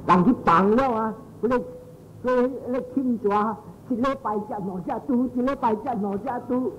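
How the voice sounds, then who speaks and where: A man's voice: normal speed, fairly bright tone. A Buddhist monk giving a dharma talk, telling stories and repeating his phrases in pairs, with English phrases mixed in. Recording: muffled with faint noise and low rumble.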